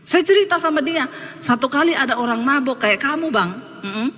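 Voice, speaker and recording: A woman pastor preaches with a high, bright, ringing voice, telling stories with lively, animated delivery. Her words carry a long church reverb over faint room ambience. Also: moderate pace. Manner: lively storytelling, acts out quotes. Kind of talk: sermon.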